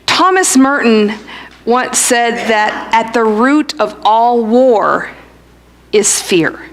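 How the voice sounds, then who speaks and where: A woman's voice: fairly high pitch, fairly bright tone. A woman pastor giving a sermon, telling a story and slipping in dry, humorous asides. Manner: storytelling delivery.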